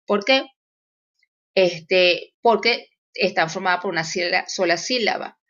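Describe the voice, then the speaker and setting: A woman's voice: lowish voice, measured pace, a bit bright, muffled recording. Woman explaining a grammar lesson. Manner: explanatory, with fillers and self-corrections. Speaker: teacher. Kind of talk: recorded Spanish grammar lesson.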